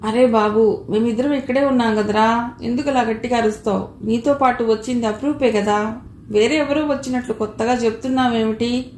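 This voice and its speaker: A fond, teasing middle-aged mother from a storybook, as a woman narrator reads her part. Her lines come across warmly chiding. The voice carries a slight room echo with faint noise. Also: a little high, steady tone, brisk, close to an everyday voice.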